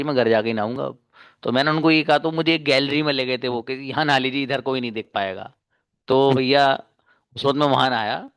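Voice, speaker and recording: A man with an Indian accent teaches an English class in an easy, storytelling way, coaxing his students along. His voice sits at an ordinary pitch and sounds close and dry, with no room around it. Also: no room sound. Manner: relaxed storytelling, coaxing and encouraging, mixes English into Hindi. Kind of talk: casual Hindi class talk with English drills.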